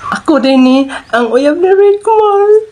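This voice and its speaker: A man's voice: extremely high pitch, expressive, slow, darkish tone, slight background noise, pitched above the performer's own voice, heavily acted. A man voicing a clingy young woman, his girlfriend, who pleads in broken English. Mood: sweet.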